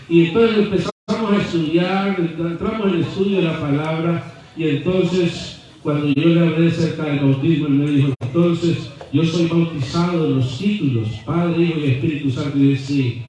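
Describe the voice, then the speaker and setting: A male pastor delivers a sermon, moving between wry storytelling asides and fervent, rising declarations. His voice sits a little high for a man. The recording is heavily echoey and picked up from a distance, like a church sanctuary heard from across the room. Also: darkish tone. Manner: storytelling preacher with humorous asides and fervent build-ups.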